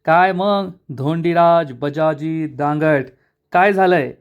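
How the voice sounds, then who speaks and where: A man voicing a nosy, quarrelsome village aunt who taunts with snappy retorts, in his own fairly high voice. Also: takes it slowly, clean tone, phone-quality sound. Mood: taunting.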